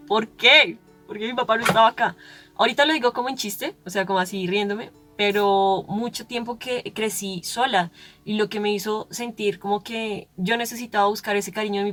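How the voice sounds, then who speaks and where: Candid young woman. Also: medium pitch. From Colombia. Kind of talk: conversational religious talk.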